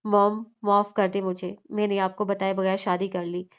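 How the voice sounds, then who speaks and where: A woman's voice: medium pitch, little pitch movement, normal speed, clean tone, natural voice. Young guy begging his mom to forgive him, woman reading it. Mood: pleading. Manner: pleading, apologetic. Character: young man pleading with his mother.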